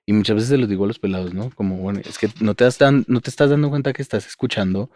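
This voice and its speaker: Rambling podcast host. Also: male voice, on the low side, quick pace, darkish tone. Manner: thoughtful, rambling, circles back with asides. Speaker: podcast host and university educator. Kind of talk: podcast interview.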